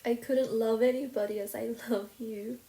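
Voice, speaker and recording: A woman's voice: fairly high pitch, steady tone, moderate pace, dark tone, voice pushed up, lightly acted. A woman voicing a sad but practical young girl who talks in a plain, mournful way. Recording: roomy echo.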